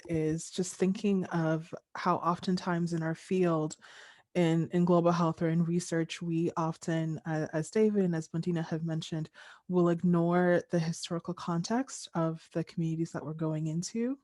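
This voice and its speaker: A woman's voice: fairly low pitch, a little mellow, dry recording, studio quality. A young woman from Tanzania speaking on a video call in a thoughtful, earnest way, with frequent fillers as she reflects in a panel discussion.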